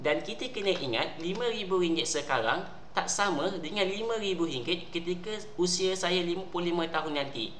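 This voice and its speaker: A personal finance YouTuber with a Malaysian Malay accent delivers a scripted explainer in a high-pitched voice, with a little hiss or hum on the recording. He reads figures and statistics steadily and deliberately.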